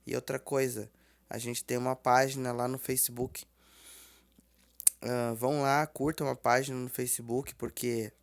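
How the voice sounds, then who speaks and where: Slow, gravelly man teaching a language. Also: medium pitch. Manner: repeats words slowly and patiently, spelling out tones. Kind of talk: slow spoken language lesson.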